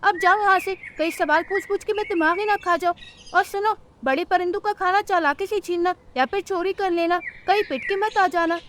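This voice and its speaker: A woman's voice: very high-pitched, steady tone, moderate pace, a bit bright, a little hiss or hum, pitched above the performer's own voice. A woman voicing a bossy, scheming mother crow in a cartoon who talks in a scolding, dismissive way.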